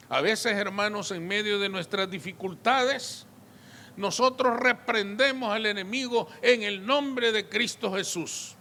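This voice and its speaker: High bright-voiced preaching pastor. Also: male voice, in a large hall. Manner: emphatic preaching, repeated appeals to the congregation. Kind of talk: sermon.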